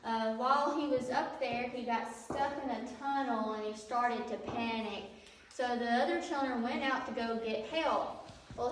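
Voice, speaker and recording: A woman leading a cave tour, telling stories in a relaxed way, her voice echoing in the cave. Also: fairly high pitch. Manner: relaxed, filler-heavy storytelling. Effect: cave echo. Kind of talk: guided tour storytelling. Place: inside a cave. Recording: echoey cave, distant mic, faint hiss.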